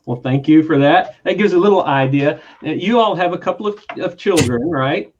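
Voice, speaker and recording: Hosting a casual, friendly interview chat online, a man with a country American accent speaks hesitantly and fills his talk with fillers. His voice is on the high side at normal speed, and the audio is dull, with background noise.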